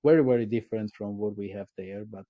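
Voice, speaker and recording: A man from Armenia, a company CEO speaking as a guest in a relaxed, reflective interview, with frequent fillers. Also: on the low side, fast, no echo, narrow, tinny audio. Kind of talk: casual interview conversation.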